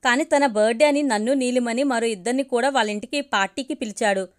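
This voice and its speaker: A woman's voice: a little high, quick pace, close to an everyday voice. A woman voicing an angry, defiant young woman student who answers with fierce indignation. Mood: explaining.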